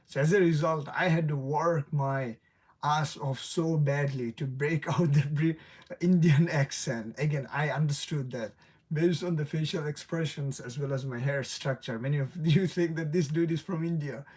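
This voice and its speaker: A man's voice: on the high side, moderate pace, darkish tone, breathy edge. Rambling young man with mixed accent. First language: non-native English. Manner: rambling, self-correcting, chuckles often. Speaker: livestream host. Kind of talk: casual late-night livestream chat.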